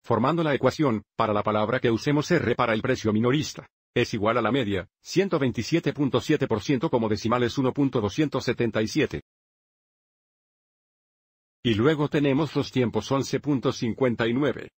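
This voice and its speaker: Male math teacher, steady and methodical, husky voice at a middle pitch. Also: normal speed, no room sound, clean studio sound. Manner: steady, methodical step-by-step explaining. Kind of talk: dubbed math lesson narration.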